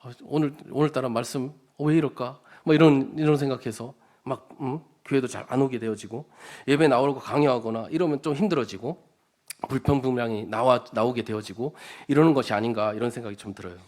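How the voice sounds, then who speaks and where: A man's voice: mid-range voice, fast, darkish tone. A man preaching a sermon to his congregation in a conversational way, often asking the listeners questions and acting out quoted speech with emphasis. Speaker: church evangelist preaching.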